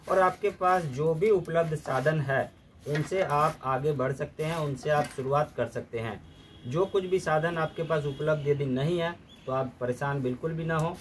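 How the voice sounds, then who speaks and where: A man giving a steady, step-by-step gardening demonstration, often mixing English terms into his explanations. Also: fairly high pitch, slight background noise. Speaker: gardening instructor.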